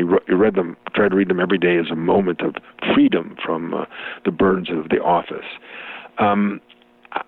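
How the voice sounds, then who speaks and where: A man's voice: on the low side, no echo. A man being interviewed in a casual chat, talking in a rambling way with many restarts and fillers. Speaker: interview guest. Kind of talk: conversational interview. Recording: tinny phone-like dry sound.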